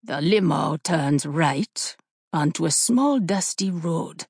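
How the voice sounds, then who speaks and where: A woman voicing a German-born male Nazi commander in his forties, speaking with a German accent in a slow, low, deliberate way. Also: animated, gravelly, a little mellow, breathy edge, no room sound, clean studio sound, heavily acted. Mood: scheming. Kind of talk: audiobook character reading.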